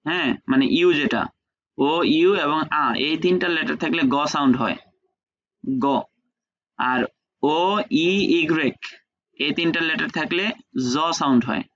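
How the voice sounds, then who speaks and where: A man teaching French pronunciation in an online lesson, patiently repeating each sound slowly. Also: fairly high pitch, a bit bright. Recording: dull lo-fi call audio.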